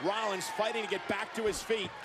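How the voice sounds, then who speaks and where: A man works as a wrestling commentator, calling the action live. His voice rides very high, with excitable, emphatic calls in clipped phrases. Heavy arena noise roars behind him. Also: a little fast, gravelly. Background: loud arena noise.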